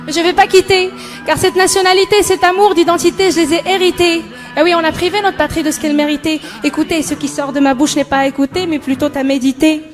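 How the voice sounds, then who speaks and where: Background music plays as a young adult student poet from Morocco performs spoken word in a very high voice. She moves at a quick pace with fairly even intonation, her delivery rhythmic, emphatic, and impassioned.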